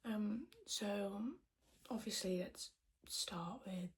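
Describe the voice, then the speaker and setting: A woman podcast host whispering in a hushed, quiet voice so as not to wake anyone, chatting casually in a rambling, self-deprecating way. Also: mid-range voice, fairly even intonation, drawn-out words. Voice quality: whispered, breathy voice. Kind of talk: casual chat to podcast viewers.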